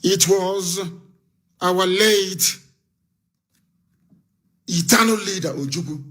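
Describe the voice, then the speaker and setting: Fiery man, high bright voice. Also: takes it slowly. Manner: fiery, scornful, repetitive. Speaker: political activist leader. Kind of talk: impassioned political broadcast.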